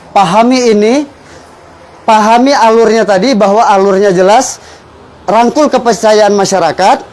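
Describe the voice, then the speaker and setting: A man giving an informal motivational business pitch, persuasively explaining and punctuating his points with rhetorical questions. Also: a little mellow, rough recording. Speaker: business presenter explaining a fertilizer sales strategy.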